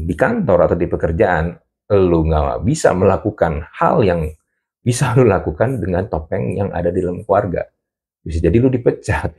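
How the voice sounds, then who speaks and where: A man hosting a self-improvement monologue, talking casually and slangily straight to the listener and acting out everyday examples. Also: on the low side. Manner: animated, acts out examples. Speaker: podcast host.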